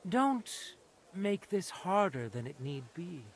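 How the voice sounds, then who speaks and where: An actor playing a haughty lord judging a murder case in a video game, imperious and contemptuous. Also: male voice, sits high, sing-song, slow, a little hiss or hum, full character voice. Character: haughty noble judge, lord presiding over trial.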